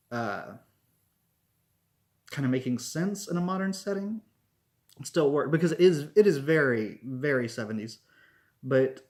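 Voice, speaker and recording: A man talking through a review in an easygoing, rambling way, full of fillers and false starts. His voice sits at an ordinary middle pitch for a man. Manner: rambling, lots of fillers and restarts. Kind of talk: casual spoken review.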